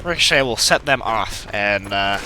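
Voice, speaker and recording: A gaming video host with a fairly low, animated voice gives casual, rambling let's play commentary at a moderate pace, tossing in playful asides. Game gunfire, effects, and ambience sit behind his voice as background noise.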